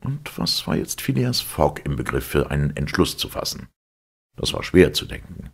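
A male audiobook reader narrating a novel with dramatic expression. His voice is extremely deep and gravelly, with a husky edge, and the pitch moves lively. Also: moderate pace.

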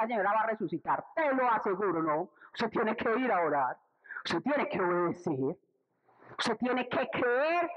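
Colombian woman, retreat speaker, animated testimonial storytelling; muffled, lo-fi recording. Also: sits high. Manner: storytelling, acts out her own inner voice and others' lines. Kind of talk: testimonial sermon talk.

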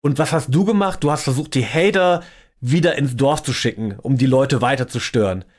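A man's voice: medium pitch, a little fast. A man hosting a reaction video, giving mocking commentary in a dry, sarcastic tone. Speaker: reaction channel host.

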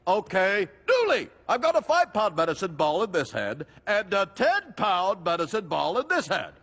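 High, impatient coach who barks his lines. Echoey gym sound. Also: big pitch swings, moderate pace, a bit bright, full character voice. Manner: barking, impatient.

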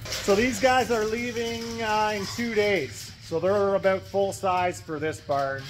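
Farmer vlogger, man in his thirties, higher voice, matter-of-fact tour talk, selfie phone, noisy barn. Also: fairly even intonation, measured pace. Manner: plain, matter-of-fact explaining while walking and pointing. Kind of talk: casual walking tour vlog. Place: pig barns and farmyard, indoors and outdoors. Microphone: phone held at arm's length.

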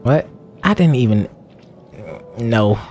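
Incredulous young man, animated game reactions. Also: mid-range voice, slow. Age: young adult. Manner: incredulous, slangy, muttering asides. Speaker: gaming YouTuber. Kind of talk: casual game reaction commentary. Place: small room at home. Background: faint game music.

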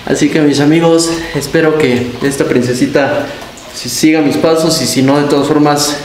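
A young Mexican man gently coaxing his toddler in sing-song baby talk while he shows her his animals. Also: on the high side, steady tone, normal speed. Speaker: exotic animal keeper and channel host. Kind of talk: casual vlog narration. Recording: echoey room with loud background noise.

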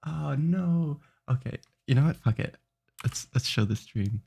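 Sleepy guy streamer rambling on, gravelly and husky, dark voice. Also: mid-range voice, animated, measured pace. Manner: rambling, self-interrupting, tired. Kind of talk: casual late-night stream chat.

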